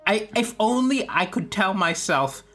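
A man's voice: high voice, expressive, measured pace, bright, forceful tone, faint music behind. Playful male comedian guest. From Kenya. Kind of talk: casual podcast chat.

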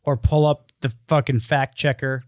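A man's voice: mid-range voice, fairly even intonation, normal speed, no echo, clean studio sound. A young man co-hosting a podcast in casual chat, rambling and swearing with lots of fillers. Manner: rambling, profane, full of fillers. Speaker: podcast co-host.

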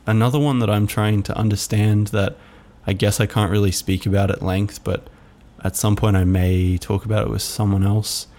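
Low, flat-voiced man musing. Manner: musing, halting, many fillers. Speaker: podcast host. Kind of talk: reflective solo podcast monologue.

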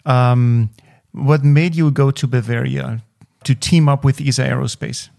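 A man's voice: medium pitch, fairly even intonation, unhurried, gravelly, darkish tone. A man, hosting a casual interview and asking questions with many hesitant fillers. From Austria.

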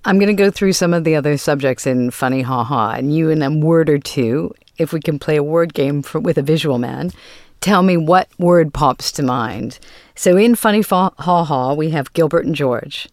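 A woman's voice: sits low, moderate pace, darkish tone. A woman hosting an arts interview, putting questions and introductions to her guest.

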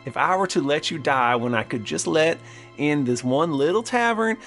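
A man playing a flustered, apologetic town leader in an improvised tabletop game, halting and stammering as he placates everyone. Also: on the high side, lively intonation, a bit bright, soft background music. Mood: flustered, placating. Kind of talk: improvised tabletop role-play.

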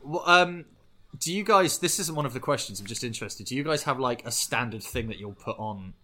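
A man's voice: medium pitch, lively intonation, a little fast, bright, forceful tone. A man hosting a casual podcast chat, reading out listener questions, laughing often and swearing casually.

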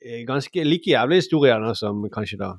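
A man's voice: medium pitch, lively intonation, no room sound. A man co-hosting a podcast, chatting casually and jumping between thoughts. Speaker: podcast co-host. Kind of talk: casual chat.

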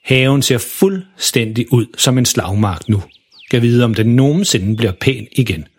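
A man narrating a children's story in a lively, expressive way. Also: medium pitch.

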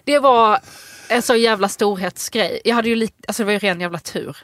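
A young adult woman, a podcast co-host, telling comic stories in casual chat and acting out the people in them. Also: mid-range voice. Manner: animated storyteller acting out quotes.

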